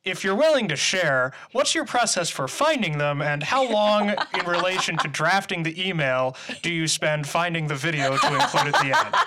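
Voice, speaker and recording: A man hosting an interview podcast, asking questions in a measured, polite way with dry humor and then reading the closing credits. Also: high-pitched, very animated, pushed and bright. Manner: measured, polite, dryly joking. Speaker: podcast host. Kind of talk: interview and show outro.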